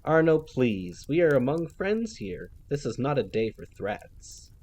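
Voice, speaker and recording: A man doing a loud brash tycoon. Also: on the high side, sing-song, a little slow, a little hiss or hum, voice pushed up. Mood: boisterous. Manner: loud, boisterous greetings. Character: brash middle-aged male tycoon, loud and flashy.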